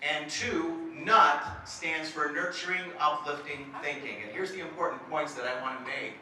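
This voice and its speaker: Speaking in a presentation hall, this middle-aged man delivers a funny motivational talk full of self-deprecating humor and a slight stutter. He has a fairly high, sharp voice at a moderate pace; the distant mic catches hall echo and slight background noise.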